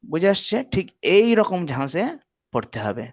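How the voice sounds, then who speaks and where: A man teaching Quran reading, slowly spelling out letters and vowel marks and often checking that his students follow. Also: a little high, sing-song, no echo, muffled recording. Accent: Bangladeshi Bengali. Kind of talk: slow spelled-out recitation lesson.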